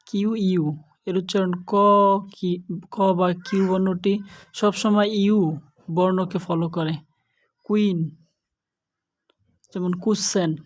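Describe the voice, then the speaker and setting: Slow, careful low-voiced woman teacher. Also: steady tone, dark tone. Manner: slow, careful listing of letter pairs. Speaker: English teacher. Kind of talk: slow spoken lesson.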